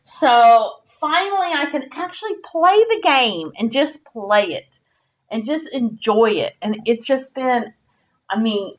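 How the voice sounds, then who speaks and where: A woman commentating her own live game stream in a bubbly, excitable way, squealing when she wins. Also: medium pitch.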